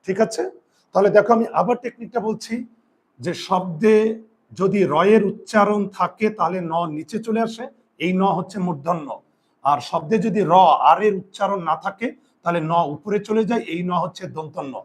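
High-voiced man teaching a spelling lesson. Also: moderate pace. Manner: repeats rules, asks and answers own questions. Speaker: Bengali grammar teacher.

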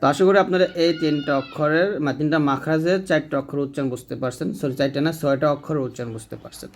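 A man, teaching a recitation lesson slowly and drawing out sounds to demonstrate them. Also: fairly high pitch. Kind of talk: explanatory lesson.

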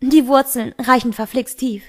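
A secretive teenage girl, voiced by a woman reader in a homemade audiobook. She talks evasively, brushing questions off with reassurances. The voice sits a little high and close to the reader's own. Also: steady tone, moderate pace. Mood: curt.

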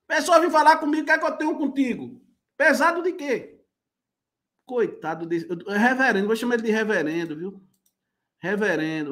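A man's voice: very high-pitched, fairly bright tone. A man giving mocking, incredulous live reaction commentary, repeating phrases back.

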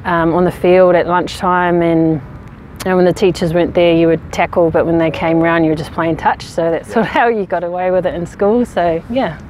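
A woman in her thirties from New Zealand, a rugby player answering interview questions outdoors in a frank, relaxed way with many fillers. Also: on the low side, moderate pace, slight background noise. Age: 30s. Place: outdoors on a sports field. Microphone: camera at medium distance.

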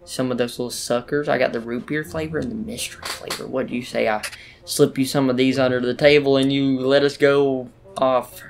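A man's voice: medium pitch, steady tone, fairly quick, vocal fry, natural voice. A man voicing a rowdy, dim-witted redneck in an improvised video game role-play, rambling and repeating himself. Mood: wheedling.

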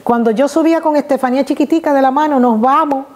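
Lively woman telling parenting stories. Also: high voice, rapid-fire. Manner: lively storytelling, acts out voices. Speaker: psychologist and host. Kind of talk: casual advice talk with anecdotes.

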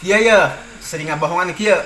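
A pious older uncle who lectures and gives blessings, as a man puts him on for a puppet comedy. The voice is bright and a touch high. The room sounds echoey, with a faint hum of ambience. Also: normal speed. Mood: lecturing. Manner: moralizing, gives blessings and advice. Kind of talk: Sundanese puppet-show comedy.

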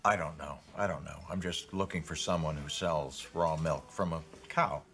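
An actor playing a formal, fussy older father who speaks deliberately in a sitcom. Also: rumbling low. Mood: measured. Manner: deliberate and formal, building to exasperated yelling. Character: fussy, exasperated middle-aged father and businessman. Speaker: father, would-be milk seller. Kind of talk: sitcom acting.

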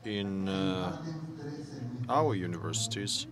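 Low-ish voiced guy giving a conference talk, pauses a lot, crowd noise in the hall. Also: expressive. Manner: slow and halting, with many pauses. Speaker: conference speaker. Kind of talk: conference presentation.

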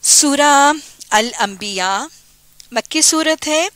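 A woman's voice: sits high, expressive, takes it slowly, fairly bright tone, dry recording. A middle-aged woman with a Pakistani Urdu accent giving a religious lecture as a Quran teacher. She speaks earnestly and exhorts, repeating phrases for emphasis.

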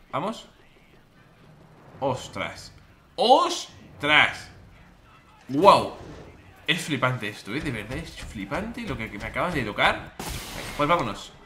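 Excitable man with a Spain Spanish accent. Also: medium pitch, slow pace, long pauses, slight background noise. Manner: excitable, exclamatory, repeats phrases. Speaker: gaming YouTuber. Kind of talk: let's play commentary.

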